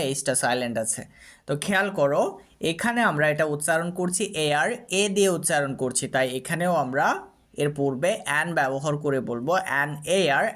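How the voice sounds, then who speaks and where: A man's voice: on the high side, a bit bright. A man with a Bengali accent teaching English grammar, patiently repeating and drilling example words for his students. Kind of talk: explaining lesson to students.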